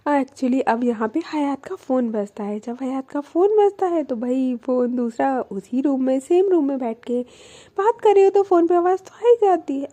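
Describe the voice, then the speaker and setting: Young woman storyteller, casual retelling, chatty, very high-pitched, soft mellow tone. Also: lively intonation, normal speed, dull audio. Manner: chatty, mixes English into Hindi, laughs.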